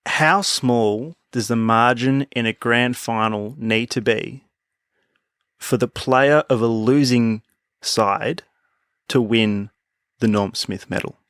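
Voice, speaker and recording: A man's voice: medium pitch, takes it slowly, long pauses, a bit bright, smooth, dry recording, clean studio sound. A man co-hosting a sports podcast, talking in a thoughtful, musing way and laughing easily. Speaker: podcast co-host. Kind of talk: casual chat.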